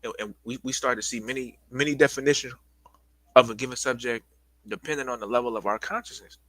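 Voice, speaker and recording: A man hosting a casual livestream lecture, talking loosely to his viewers with lots of restarts and pausing to catch his breath. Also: medium pitch, a bit bright, no room sound, low-quality recording. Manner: loose, repetitive, addresses viewers as y'all. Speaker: livestream host giving a presentation.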